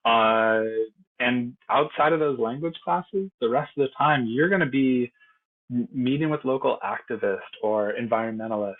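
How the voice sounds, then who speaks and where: A man working as a program instructor, giving an earnest, conversational informational presentation. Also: medium pitch. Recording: tinny phone-like audio.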